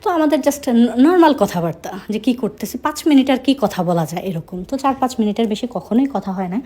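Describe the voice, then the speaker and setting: A young woman with a slight Chittagong Bengali accent recounts her own story in an easy, chatty way. Her voice is mellow and low in brightness, and she often pauses or restarts her sentences. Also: expressive. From Chittagong, Bangladesh. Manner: conversational, with frequent hesitations. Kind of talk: first-person storytelling.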